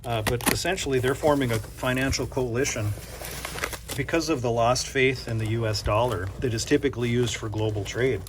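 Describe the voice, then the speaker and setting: A North Dakota man who runs a coin shop chats casually and thinks out loud while unboxing silver bars, tossing in self-deprecating asides. His mid-range voice moves a little fast against a noisy background.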